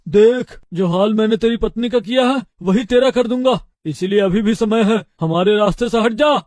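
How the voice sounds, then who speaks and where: Menacing cartoon thief, played by a man: loud, boastful and high-voiced. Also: normal speed, no echo. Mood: threatening. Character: greedy, menacing male temple thief.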